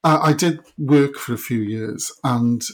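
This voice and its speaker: A middle-aged man with a Welsh Valleys accent, talking reflectively and a little haltingly as an interview guest. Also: mid-range voice. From South Wales Valleys.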